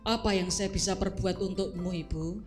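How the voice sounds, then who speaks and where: A woman voicing a calm, kindly male man of God who speaks low and gently in a children's story. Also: faint music behind, lightly acted. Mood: gentle. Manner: slow, gentle, lowered voice.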